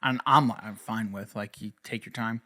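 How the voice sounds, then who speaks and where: A young man co-hosting a casual board game podcast, rambling with lots of fillers and letting his sentences trail off quietly. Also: lowish voice, fairly even intonation, moderate pace. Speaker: podcast co-host. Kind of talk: casual chat about board games.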